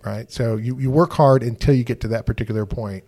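Husky man talking with animated emphasis. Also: mid-range voice, brisk. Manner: animated, repeats "right?" often, restarts words. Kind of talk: faith-based conversational podcast talk.

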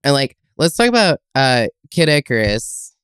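Podcast co-host, casual chatty rambler, middle pitch, dry mic. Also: big pitch swings, moderate pace, a bit bright, clean tone, dry recording. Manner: rambling, hedging with many fillers. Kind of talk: casual chat.

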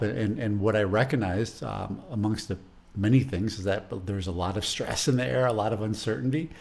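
Gravelly low-voiced man with a Chicago accent. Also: a little mellow. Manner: thoughtful, rambling, repeats words as he thinks. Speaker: music teacher. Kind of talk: casual interview talk.

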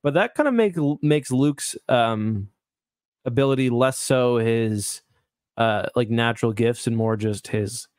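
A man's voice: mid-range voice, a little slow, a little mellow, smooth, no echo. Man chatting on a dry close mic. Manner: rambling, self-correcting explanations. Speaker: podcast co-host. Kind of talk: casual chat.

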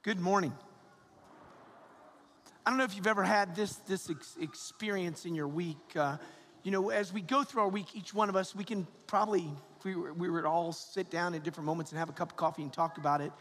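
An American man preaches a conversational homily in a high voice, with long church reverb around him. His delivery is informal and halting, repeating phrases and tossing in rhetorical asides like a parish priest. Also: a bit bright. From Georgia, United States.

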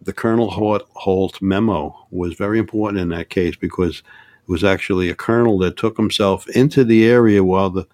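An older man talking casually about cases on a podcast, halting with frequent restarts and fillers. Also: deep voice, fairly even intonation, darkish tone, dry recording. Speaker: guest on UFO topics.

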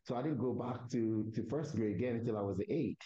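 A man's voice: mid-range voice, fairly quick, warm tone, slightly rough, lo-fi sound. A man from Togo with a Togolese accent, a native Kabiye speaker, telling his story conversationally as an interview guest and often restarting his phrases.

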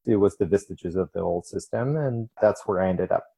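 A man from Ukraine who moved to the United States as a young adult, answering interview questions in a measured, explanatory way. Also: deep voice, creaky, warm tone, breathy edge. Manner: measured, explanatory, with occasional restarts. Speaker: interview guest.

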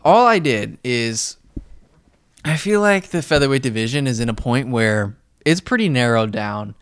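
Smooth-voiced young man, chatty podcast host. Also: medium pitch, lively intonation, normal speed, a bit bright, no room sound. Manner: chatty, rambling, laughs often. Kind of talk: casual chat.

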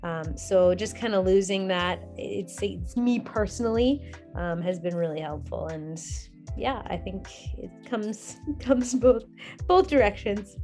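A woman dentist speaking as a panel guest, reflective and halting, often pausing with fillers. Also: medium pitch, expressive, a little mellow, faint music behind. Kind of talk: casual panel chat.

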